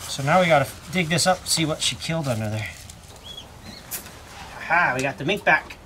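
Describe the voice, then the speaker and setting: Filmed on a chest-mounted body camera, a ratter in his thirties talks casually as his dogs hunt rats in dirt pens on a farm, giving commands and praise. He speaks expressively at a moderate pace in a voice on the high side. The outdoor camera audio is noisy, full of dogs and ambient sound.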